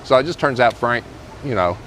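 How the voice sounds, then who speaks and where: A man's voice: mid-range voice, lively intonation, brisk, fairly bright tone, a little hiss or hum, low-quality recording. A man hosting a casual movie review chat outdoors, easygoing and agreeable, often chiming in with yeah. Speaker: channel host.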